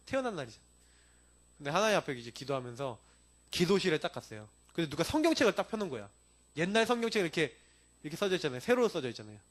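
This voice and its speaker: Male pastor, sermon, high voice, very animated pitch, emphatic. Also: rapid-fire. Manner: emphatic, lively preaching with personal testimony.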